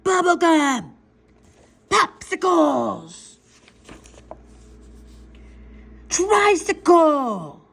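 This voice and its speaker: A woman voicing an eager, curious little Japanese American boy who asks excited, wide-eyed questions. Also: high voice, normal speed, full character voice. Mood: shouting.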